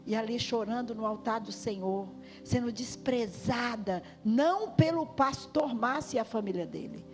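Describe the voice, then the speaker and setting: A woman giving an emotional testimony sermon, swinging from loud cries to hushed tones. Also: a little high, normal speed. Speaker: guest preacher. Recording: music playing behind the voice.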